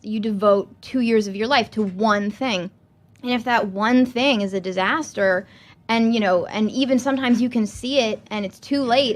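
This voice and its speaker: A woman chatting as a podcast guest, talking in a hesitant, rambling way with many fillers and frequent laughter. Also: mid-range voice. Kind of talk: casual interview chat.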